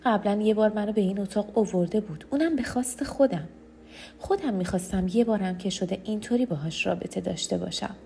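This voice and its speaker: Woman narrating a dark novel, mellow. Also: mid-range voice, gravelly. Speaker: audiobook narrator. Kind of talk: first-person novel reading.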